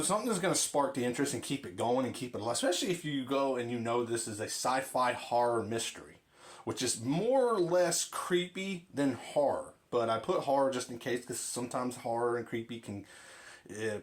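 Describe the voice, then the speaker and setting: Animated man arguing with himself. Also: medium pitch, fairly quick. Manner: opinionated, argumentative. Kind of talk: comic monologue, arguing with himself.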